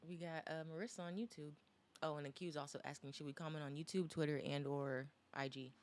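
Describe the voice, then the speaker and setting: Quiet off-mic co-host reading chat. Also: medium pitch, fairly even intonation, a little fast, dry recording. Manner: soft-spoken, quiet, reading chat aloud. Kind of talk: casual live-stream talk.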